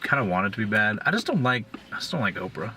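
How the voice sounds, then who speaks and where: A young man co-hosting a film review with a bright, forward voice and a laid-back, rambling way of talking. A faint hiss sits under the recording. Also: on the low side, sing-song, fast talker, far from the mic. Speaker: movie review co-host. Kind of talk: casual film review chat.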